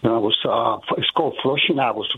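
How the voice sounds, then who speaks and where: A husky man in his sixties from Puerto Rico, raised in Brooklyn, calling in to a radio show. He tells his story earnestly and peppers it with "you know". He comes through a tinny phone line. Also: mid-range voice, quick pace. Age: 60s. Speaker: radio caller. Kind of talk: personal storytelling on a call.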